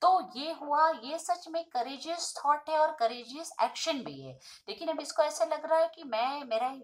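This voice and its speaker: A woman tutor explaining a school lesson. She reads each line, then explains it simply in an animated storytelling way. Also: high-pitched, normal speed.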